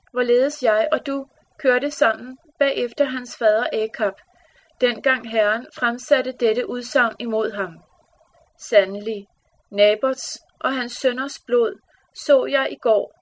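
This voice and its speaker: A woman's voice: fairly high pitch, close to an everyday voice. A woman reading the lines of a vengeful male warrior king in a stern, declaiming way.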